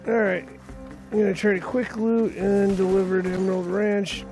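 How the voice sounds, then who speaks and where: A man's voice: high voice, flat delivery, normal speed, darkish tone, faint music behind, rough recording. A man giving casual commentary as he plays a video game. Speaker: gaming video host.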